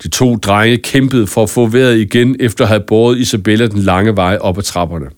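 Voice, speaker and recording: Low-voiced guy reading a kids story, calm, dry close mic. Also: no room sound. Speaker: audiobook narrator. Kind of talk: scripted narration.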